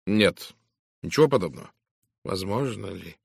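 A shrewd, fussy Belgian detective, as a male reader puts him on, quiet and measured, leaning in to confide. His lowish voice drifts up and down in a lively way, and the read is close and dry, with no room around it. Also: creaky, husky, dry recording, exaggerated voice. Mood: confiding.

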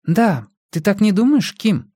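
A man's voice: high-pitched, sing-song, a little slow, mellow, husky, no room sound, studio quality, pitched above the performer's own voice, exaggerated voice. A male audiobook narrator voicing a composed, thoughtful woman detective in a raised voice.

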